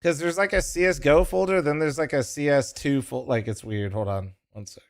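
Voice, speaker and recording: Speaking at normal speed in a fairly high voice, this young streamer co-streams an esports match and chats loosely with his audience. He's profane and rambling, and spends the time teasing a friend.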